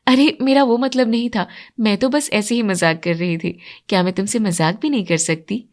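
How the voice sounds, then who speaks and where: A woman's voice: medium pitch, normal speed, darkish tone, close to an everyday voice. Playful, outspoken new bride, read by a woman narrator. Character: bold cheerful young bride.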